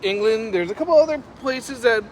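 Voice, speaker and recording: High-voiced man teasing friends outdoors. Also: expressive, brisk. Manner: teasing, rambling with fillers. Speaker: co-host at the live stream. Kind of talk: casual live-stream chat. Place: outdoors at a theme park. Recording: faint outdoor noise.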